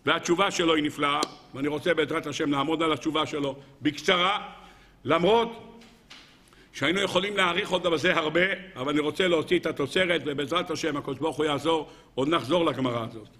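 Rabbi teaching a Torah class, high and bright, animated storyteller with rhetorical questions. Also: male voice.

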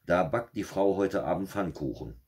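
A man reading a fairy tale aloud, voicing a sly, clever male fox with a dry, calm manner. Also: deep voice, moderate pace, voice pushed up. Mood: scheming.

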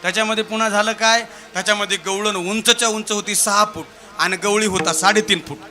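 A man's voice: high voice, steady tone, quick pace, bright, forceful tone. A male kirtan preacher telling a humorous devotional story, who keeps addressing and quizzing his listeners. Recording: live event with instrumental music.

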